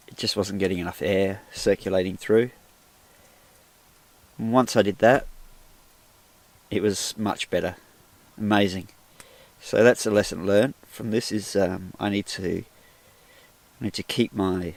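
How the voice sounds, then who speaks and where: Chatty low-voiced man in a tent. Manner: chatty, self-deprecating, rambling asides. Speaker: outdoor vlogger. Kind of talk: casual solo vlog commentary. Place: inside a small tent with a wood stove.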